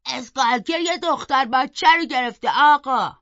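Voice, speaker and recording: A woman voicing a gruff male servant who accuses loudly and roughly. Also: sits high, no echo, dull audio. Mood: accusing.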